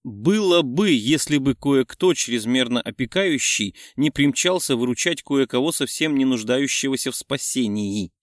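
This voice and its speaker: A man's voice: medium pitch, expressive, moderate pace, few pauses, dry recording, studio quality, lightly acted. A man voicing a young woman heroine, slightly raised and breathless. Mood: flustered.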